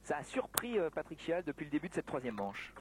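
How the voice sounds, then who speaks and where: A man's voice: a little high, big pitch swings, fairly quick. A man giving live sports commentary on a table tennis match. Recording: noisy sports hall broadcast, background ambience. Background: sports hall noise.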